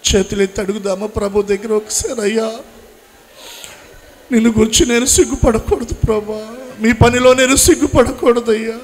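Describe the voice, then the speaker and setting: A man with a notably high voice leads his congregation in an emotional sermon and prayer. He pleads in repeated phrases, swelling in force and then sinking low and quiet. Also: steady tone, a little fast. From Andhra Pradesh, India. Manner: pleading, repetitive, rising and falling in intensity. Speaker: pastor.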